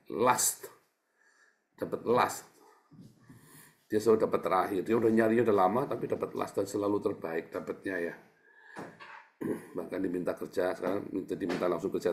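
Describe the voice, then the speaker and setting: A middle-aged man, a pastor, giving a casual, chatty sermon, often turning to his listeners and swinging from quiet asides to loud, emphatic bursts. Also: deep voice. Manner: keeps addressing listeners as brothers and sisters.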